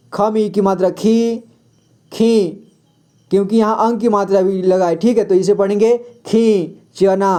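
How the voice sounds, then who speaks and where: A man giving a slow reading lesson, patiently spelling out words and repeating each one several times for learners. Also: high voice, warm tone. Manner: asks and answers his own questions. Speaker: Hindi reading teacher.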